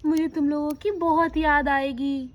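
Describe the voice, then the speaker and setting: Woman doing a young bride in a doll story, high voice, sad to leave home. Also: steady tone, unhurried. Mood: tearful. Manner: tearful, fussing.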